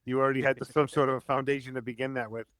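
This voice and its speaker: A man's voice: medium pitch, flat delivery, racing, fairly bright tone, clean tone, dry recording. Easygoing male talk host, dry sound. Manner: practical, reassuring, conversational with fillers. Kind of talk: casual call-in chat.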